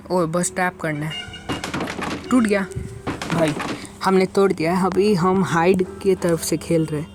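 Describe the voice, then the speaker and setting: A man hosting a gaming channel, giving chatty, excitable commentary as he plays and keeps calling out to the viewers as guys and bro. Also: high voice, unhurried. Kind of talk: casual let's-play commentary. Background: game music.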